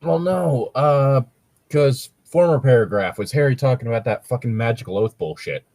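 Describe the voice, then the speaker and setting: In a relaxed podcast chat, a male co-host reads fan fiction and ridicules it, cursing liberally and dryly complaining as he dissects it. He speaks at a normal speed in a mid-range, slightly mellow voice, and the recording is dry.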